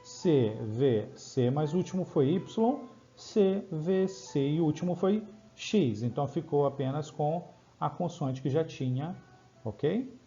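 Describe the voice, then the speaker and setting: A Brazilian man teaching English grammar in Portuguese, explaining rules step by step and checking in with quick questions. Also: a little high, lively intonation, dark tone, lo-fi sound, soft background music. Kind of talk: grammar lesson over slides.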